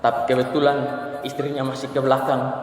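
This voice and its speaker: A man's voice: mid-range voice, monotone, fairly quick. A young man preaching a sermon at a church service, telling stories earnestly and stressing scripture as his voice rises. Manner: earnest storytelling, rising emphasis on scripture. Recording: echoey church hall, distant mic.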